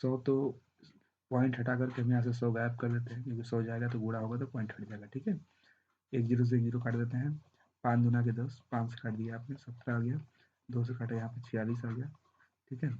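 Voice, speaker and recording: A man with a sore throat teaches a math lesson, walking through the arithmetic step by step and often saying "thik hai" to check in. His mid-range voice is flat and brisk, and the lo-fi recording carries a little hiss or hum.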